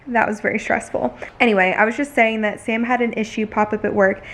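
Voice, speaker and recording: A young adult woman vlogging casually, telling stories in a chatty, animated way full of "like". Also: a little high, a little fast. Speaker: lifestyle vlogger. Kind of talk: casual vlog chat and storytelling.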